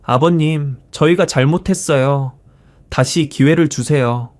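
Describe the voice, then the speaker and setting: A desperate, remorseful daughter-in-law begging for forgiveness in an audiobook tale, as a male narrator puts her on. Her voice sits a little higher than the reader's own, with a pleading tone, and the sound is close and dry. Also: measured pace, a little mellow, no room sound, close to an everyday voice. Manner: tearful, begging.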